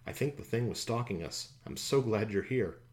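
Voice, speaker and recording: A man's voice: on the low side, lively intonation, moderate pace, lightly acted. A man voicing a shaken male traveler in an audiobook, speaking in earnest, tired plain speech. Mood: weary. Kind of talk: audiobook character voice.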